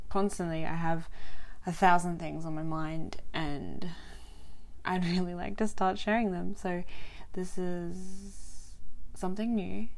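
A young Australian woman with a Western Australian accent hosts a solo podcast, chatting, laughing often and restarting her sentences. Her voice is on the low side, creaky and a little mellow.

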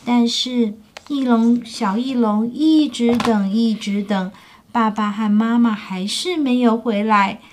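Expressive woman reading a picture book aloud. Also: on the high side, slow pace, a little hiss or hum. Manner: expressive, stops to ask listeners questions. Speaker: storyteller.

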